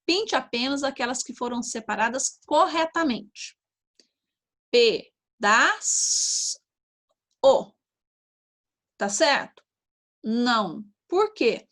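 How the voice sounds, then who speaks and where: A Brazilian Portuguese-speaking woman teaching young children, slowly sounding out syllables and checking in often. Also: a little high, animated, fairly bright tone. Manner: slow, sounding out syllables, frequent "tá?" and "ó". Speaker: primary school teacher. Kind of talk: online lesson to young children.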